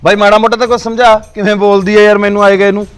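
Man in a village drama, high voice, fast teasing banter. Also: little pitch movement, faint music behind. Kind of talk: Punjabi village drama acting.

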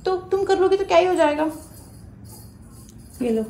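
A woman's voice: extremely high pitch, expressive, normal speed, gravelly, mellow, faint music behind. A young woman vlogger talking casually and pleading insistently into a phone camera. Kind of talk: casual chat. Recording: echoey room with faint noise.

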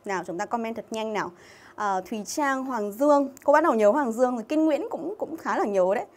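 A woman's voice: fairly high pitch, expressive, a little fast, a little mellow. Chatty Vietnamese woman teaching English live. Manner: chatty, reads out viewer names and comments. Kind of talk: livestream exam-review lesson.

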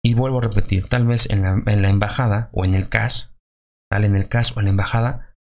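A young adult man with a Mexican accent, talking loosely in a casual advice vlog, full of fillers and quick check-ins with the viewer. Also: on the low side, steady tone. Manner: chatty, loose, many fillers and tags like "¿sale?". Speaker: vlogger.

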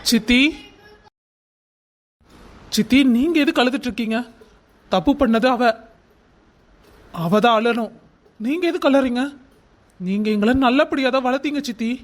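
A man voicing a protective, hot-tempered young husband in a cartoon family drama, talking in an earnest way that turns angry fast. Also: extremely high pitch. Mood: reassuring. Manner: earnest, quick to anger.

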